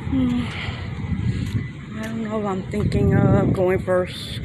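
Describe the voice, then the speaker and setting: New york guy talking to his phone while walking around a shopping plaza, kinda high voice, rambly, street noise all around. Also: fairly even intonation, takes it slowly. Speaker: vlogger. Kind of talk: casual walking tour commentary. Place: outdoor shopping plaza sidewalk. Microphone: handheld phone camera.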